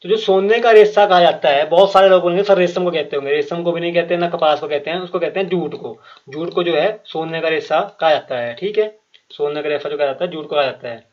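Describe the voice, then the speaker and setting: A man's voice: on the high side, a little fast. Man explaining quiz answers, muffled recording. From Himachal Pradesh. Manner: reads each question and options aloud, repeats, then explains answer; frequent fillers and restarts, addresses viewers directly. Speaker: quiz teacher. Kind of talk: exam prep quiz lesson.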